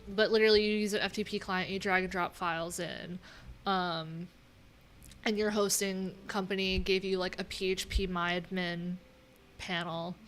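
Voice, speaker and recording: This middle-aged woman speaks in a lowish, somewhat bright voice with little pitch movement and a normal speed, over slight background noise. A web developer, she hosts a casual coding livestream from a small room at home, reasoning aloud and reading from her screen with offhand, wry comments.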